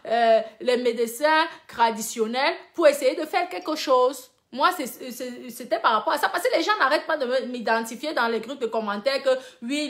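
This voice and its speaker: Brief: middle-aged woman, high voice, emphatic online commentator who lectures and repeats herself for stress. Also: a bit bright. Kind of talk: casual commentary to viewers.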